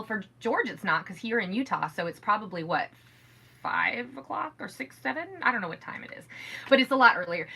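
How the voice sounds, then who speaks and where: A middle-aged woman hosting a casual podcast from home, telling stories in a rambling, animated way. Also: medium pitch, slightly rough. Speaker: podcast host. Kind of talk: casual chat.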